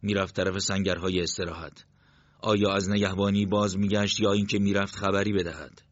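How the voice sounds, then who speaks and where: A man reading a war novel aloud as an audiobook narrator, in a steady, measured literary style. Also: low voice, dry recording. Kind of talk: scripted narration. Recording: dull, lo-fi dry sound.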